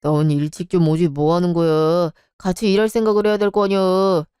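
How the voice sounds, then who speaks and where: A woman's voice: fairly low pitch, little pitch movement, brisk, warm tone, clear, resonant tone, no echo, clean studio sound, close to an everyday voice. A woman voicing an exasperated young husband in a radio drama, frustrated and pleading. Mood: firm. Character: young married man, exasperated husband defending his wife.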